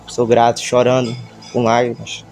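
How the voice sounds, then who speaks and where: A man with a Brazilian Portuguese accent giving a church testimony, nervous, halting and stammering as he retells it with feeling. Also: mid-range voice, completely flat delivery, a little mellow, soft background music.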